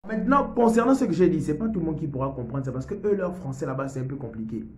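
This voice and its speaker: Young guy joking around with his viewers, a bit high voice, echoey room. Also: expressive, quick pace, darkish tone. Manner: chatty, joking, addresses viewers as "les gars". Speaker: music youtuber. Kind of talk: casual vlog chat. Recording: roomy echo.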